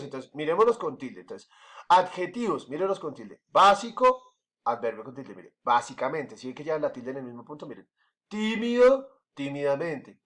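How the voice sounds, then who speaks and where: Patient male teacher, keeps checking in. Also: fairly high pitch. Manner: checks in often with "¿listo?" and "¿cierto?"; patient, repeats each point slowly. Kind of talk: classroom lesson explaining grammar.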